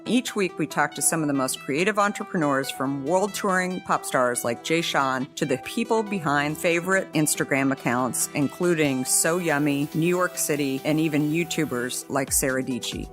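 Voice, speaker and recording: A woman's voice: low-pitched, moderate pace, hardly any pauses, music in the background. Upbeat woman hosting a podcast. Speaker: podcast host.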